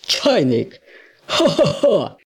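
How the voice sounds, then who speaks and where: Зверхня, зухвала гоночна машина з казки, яку грає чоловік, говорить глузливо, насмішкувато, підвищеним голосом. Голос живий, з різкими злетами інтонації. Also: male voice, sits high, huge pitch swings, slow pace, breathy edge, pitched above the performer's own voice, exaggerated voice. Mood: mocking. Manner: taunting, scornful. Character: arrogant, cocky male street racer car. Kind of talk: storybook reading.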